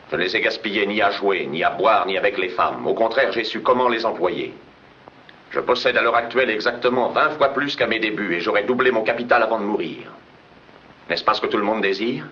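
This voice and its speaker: A cold, domineering tycoon husband. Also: male voice, lowish voice, sharp tone. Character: cold, controlling rich male tycoon husband. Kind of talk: 1940s film dub acting. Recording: dull old film soundtrack with hiss.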